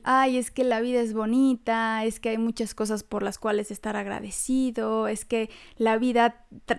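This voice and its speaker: A woman giving a casual motivational talk on mindset, animated, laughing often and acting out what other people say. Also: on the high side, clean tone. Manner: animated, laughs often, acts out quoted voices. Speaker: speaker on personal growth.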